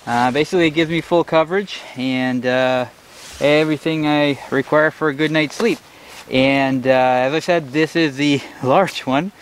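A man in his thirties talking casually about his gear at a forest campsite, relaxed and chatty with lots of filler words. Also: on the high side, moderate pace. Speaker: outdoor vlogger. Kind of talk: casual gear talk while camping. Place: forest campsite outdoors in rain. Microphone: camera mic, moving near and far. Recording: outdoor ambience noise.

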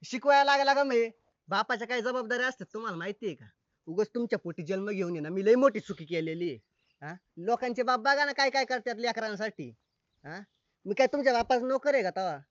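A man's voice: very high voice, lively intonation, fast talker, fairly bright tone, no room sound, lo-fi sound. A man playing an argumentative son in a village comedy sketch. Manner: argumentative, talks back. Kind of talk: rural comedy sketch acting.

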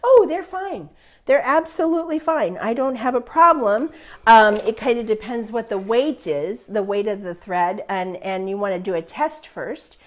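A woman's voice: a little high, animated, moderate pace. A middle-aged woman teaching a live online quilting class in a chatty, upbeat way, laughing often.

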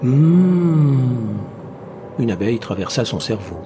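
A man narrating a science fiction story as an audiobook reader, with a measured, dramatic delivery. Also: mid-range voice, music in the background. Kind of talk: scripted narration.

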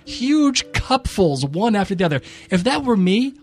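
Excitable man co-hosting a podcast. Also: high-pitched. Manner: excitable, joking, rushed. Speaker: podcast co-host. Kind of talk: casual podcast outro with sponsor read.

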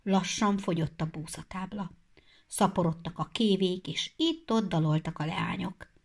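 A woman narrating a children's storybook in a measured, expressive way. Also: fairly low pitch. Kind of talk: storybook reading.

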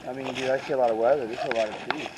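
A man's voice: mid-range voice, steady tone, rapid-fire. A man chatting casually while exploring old railroad tracks outdoors at night, musing aloud with curiosity. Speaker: urban explorer. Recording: loud outdoor noise, camera mic.

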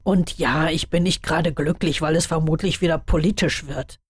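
A woman reading the lines of a tired, thoughtful young male wizard in a lowered, measured voice. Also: steady tone, husky, no room sound, studio quality. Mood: subdued.

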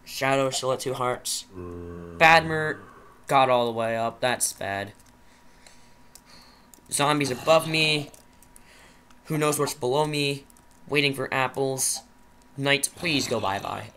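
A man's voice: mid-range voice, expressive, takes it slowly, long pauses, sharp tone, a little hiss or hum. A nervous young man rambling to himself while commentating a survival game he is playing. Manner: jittery, rambling, talks to himself. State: nervous, shaky. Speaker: gaming channel host. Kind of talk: Minecraft commentary.

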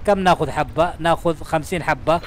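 Speaking fast, a young man who hosts a gaming channel narrates a let's-play in a voice pitched a bit high. He keeps up lively, chatty talk aimed right at the game and its elements, over slight background noise.

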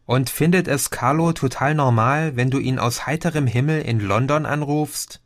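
A man's voice: medium pitch, normal speed, lightly acted. A man reading an audiobook, voicing a grumpy young man who grumbles and mocks. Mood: grumbling. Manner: grumbling, mocking.

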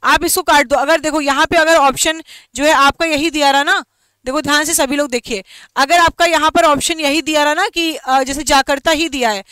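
A woman's voice: high-pitched, pushed and bright, no echo. A woman teaching an exam-prep quiz lesson online, repeating each question and mixing English phrases into her talk. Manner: reads English questions slowly and carefully.

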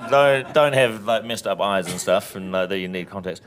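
A man being interviewed at a film press event, joking about himself in a deadpan, self-mocking way. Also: lowish voice. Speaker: film director and actor, interview guest. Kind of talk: press junket chat.

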